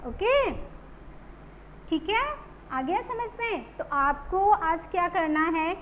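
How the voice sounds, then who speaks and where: A woman's voice: extremely high pitch, muffled recording, slight background noise. A woman teaching young children a phonics lesson, stressing and stretching each example word. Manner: drawn-out, stressed pronunciation of example words.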